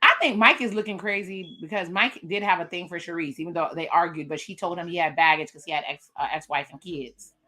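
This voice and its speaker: Her voice sits fairly low, and she talks a little fast with few pauses, sounding pushed and bright. She's hosting a live reaction stream, breezily recounting what dating show contestants say and making side comments.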